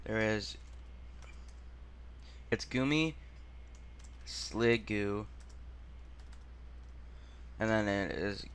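A man hosting a gaming channel, thinking aloud through a quiz in a muttering, halting way and sounding out words as he goes. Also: lowish voice, fairly bright tone, clean tone.

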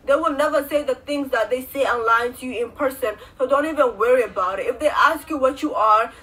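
A young woman from Kenya speaks straight to camera with a high, bright voice. She talks earnestly and frankly, as if telling a true story to her viewers, in a small indoor room close to the camera. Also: a little fast, rough recording. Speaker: vlogger. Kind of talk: direct-to-camera commentary.

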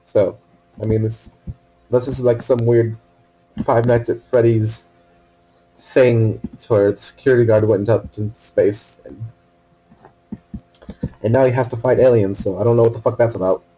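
With a breathy edge and frequent pauses, a medium-pitched man speaks at a moderate pace while gaming solo at his computer, headphones on. He mutters casual commentary to himself, curses, and bursts into sudden excitement, all on a low-quality recording.

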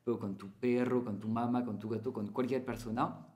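A man's voice: medium pitch, steady tone, a little fast, darkish tone. Chatty teacher man. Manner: chatty, repeats phrases, small Spanish slips. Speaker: French teacher. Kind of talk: casual spoken lesson to camera.

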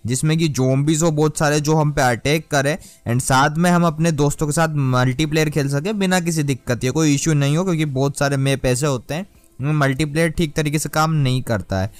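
A man's voice: a little high, a little fast, dry recording, soft background music. A man hosting a gaming channel, talking viewers through a mobile game tutorial in a casual, chatty way and calling them guys and brother.

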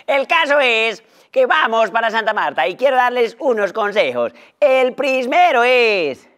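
Comedian guy, high bright voice, jokey and animated. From Colombia. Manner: animated, jokey, breaks into laughter. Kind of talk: comic vlog monologue.

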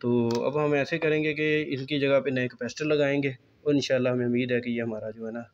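A man, calmly explaining a step-by-step electronics repair at a workbench, recorded on a phone filming his hands. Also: medium pitch, fairly quick, highs cut off, slight background noise. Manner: calm, explanatory, pointing things out. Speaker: repair technician.

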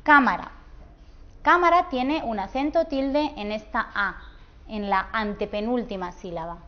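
A woman with a Peninsular Spanish accent teaching a grammar lesson, saying example words slowly and clearly. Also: fairly high pitch. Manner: slow, clear, drawn-out pronunciation of example words. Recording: dull, lo-fi sound.

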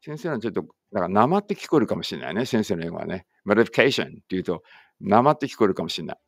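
Reading a vocabulary list word by word, a male English teacher whose first language is Japanese speaks in a fairly low, very animated voice and drops in chatty, casual explanations between items. His drill is deliberate, captured in clean, dry studio sound.

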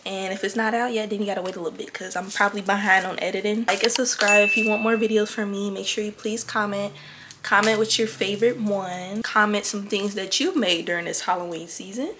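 A woman's voice: medium pitch, steady tone, brisk, background noise. Gushing young woman vlogger. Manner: gushing, chatty show-and-tell. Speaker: crochet vlogger. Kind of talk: casual vlog talk.

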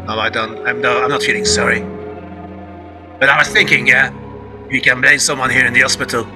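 A man's voice: medium pitch, steady tone, a little fast, natural voice. A man playing a callous grown son, blunt and dismissive, over background music. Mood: scheming. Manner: blunt, dismissive, repeats "yeah?". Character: callous grown son glad his father died. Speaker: improv actor.

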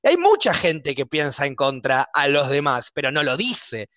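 A young Argentine man hosting a casual podcast chat, talking emphatically and with passion, so that he sounds angry even when he is not. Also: fairly high pitch, moderate pace, no echo. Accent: Argentine Spanish. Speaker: podcast host.

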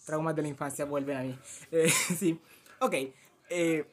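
A young adult host rambling casually through a reaction video, using lots of fillers and imitating the characters in quick mock voices. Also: mid-range voice, steady tone. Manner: rambling, full of "como que" fillers and mock quoted voices.

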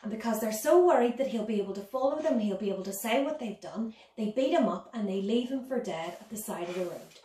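A woman's voice: on the high side, animated, fast talker, hardly any pauses, mellow, a little hiss or hum. A woman in her thirties teaching a children's Sunday school lesson, explaining simply and asking her young listeners questions. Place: dining room at home, indoors. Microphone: camera a couple of metres away. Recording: roomy, distant phone-camera recording.

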